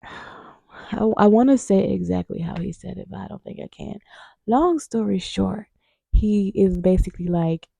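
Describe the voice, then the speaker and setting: A young woman vlogs with a gravelly, mellow voice that sounds dry and close. Her storytelling is frank and profane. She breaks into sudden loud bursts, then drops to near-whispered asides. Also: mid-range voice, no echo. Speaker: vlogger. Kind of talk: candid casual storytelling.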